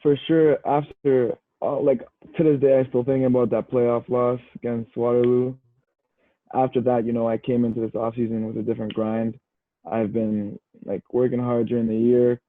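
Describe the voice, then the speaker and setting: A young Canadian man of medium pitch chats easily as a guest on a casual podcast, dropping "bro" and "you know" again and again. He plays university football, and he sounds relaxed and easygoing over a tinny, phone-like, dry line.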